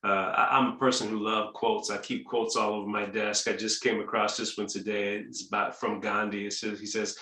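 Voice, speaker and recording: A man's voice: fairly low pitch, level tone, normal speed, few pauses, bright, forceful tone, echoey room. A man hosting a webinar interview, chatty, reading out audience questions and restarting his sentences often. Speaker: host.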